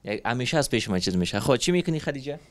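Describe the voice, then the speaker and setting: A man talks to children on the street in a soft, coaxing way. He soothes and encourages them, and his voice sits at an ordinary middle pitch. He asks questions patiently and keeps reassuring them. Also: big pitch swings, no echo. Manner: gentle, coaxing, soothing, full of endearments. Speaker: charity vlogger interviewing working street children. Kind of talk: street interview. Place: street outdoors.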